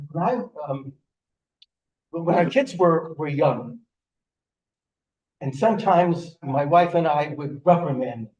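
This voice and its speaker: A middle-aged man leading a synagogue prayer service, explaining gently with many fillers, heard in a roomy, distant, slightly dull recording. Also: fairly high pitch. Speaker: service leader. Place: synagogue sanctuary.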